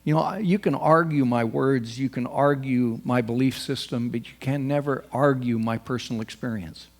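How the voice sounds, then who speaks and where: A man's voice: medium pitch, normal speed. A man preaching a sermon as pastor, reading scripture aloud and rising in force on the quoted lines.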